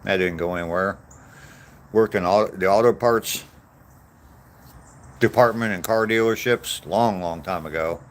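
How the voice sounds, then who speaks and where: Speaking in a low, unhurried voice with long pauses, a man in his sixties walks outdoors and answers viewer comments from his live chat. The vlogger's chat is casual, rambling and self-deprecating, and there's slight background noise.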